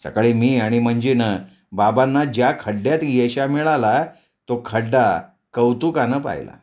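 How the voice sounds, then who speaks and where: A man narrating a novel aloud in a measured storytelling manner. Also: medium pitch, darkish tone. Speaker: audiobook narrator.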